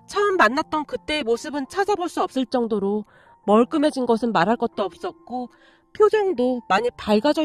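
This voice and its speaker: A woman with a high voice reads a first-person story in a calm, steady manner. Soft music sits faintly behind her narration. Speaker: story reader. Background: faint background music.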